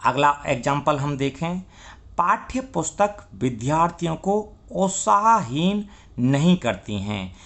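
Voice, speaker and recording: A man's voice: fairly high pitch, very animated, takes it slowly, creaky, a bit bright. A man teaching English grammar, asking questions and answering them himself and spelling words out letter by letter. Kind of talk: classroom lesson.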